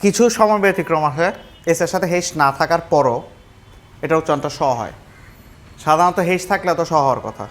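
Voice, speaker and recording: A man with a Bangladeshi accent teaching English pronunciation in a classroom, repeating words slowly and mixing English phrases into his explanations. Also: fairly high pitch, fairly bright tone. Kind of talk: classroom lesson.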